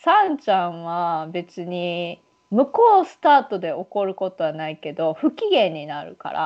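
A woman with a Kansai accent co-hosting a casual podcast chat, animated and quick to laugh. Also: lowish voice. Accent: Kansai Japanese. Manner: animated, chatty, laughs often. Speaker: podcast co-host. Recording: lo-fi dull sound.

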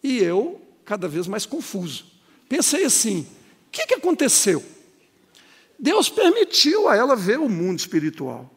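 Brief: male pastor, dramatic sermon storytelling, husky high voice, hall reverb. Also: wildly swooping pitch, normal speed.

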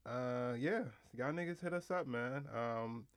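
A man's voice: mid-range voice, a little slow, smooth. Young man in loose, profane banter. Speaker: podcast co-host. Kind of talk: casual chat.

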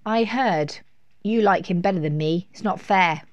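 A woman's voice: sits high, huge pitch swings, fast, no echo, highs cut off, pitched above the performer's own voice. A woman voicing an inquisitive, insistent young girl in a children's storybook. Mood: indignant. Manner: questioning, insistent.

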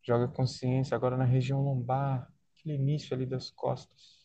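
A man with a Brazilian accent leading a guided body-scan relaxation in a soothing, unhurried way, leaving long pauses between short phrases. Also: mid-range voice, monotone, warm tone, no room sound, muffled recording. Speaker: guided meditation leader.

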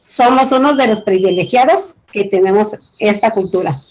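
A woman's voice: medium pitch, moderate pace, darkish tone. A middle-aged or older woman with a Mexican accent giving an informal cultural presentation in an earnest, rambling, colloquial way. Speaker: invited community leader.

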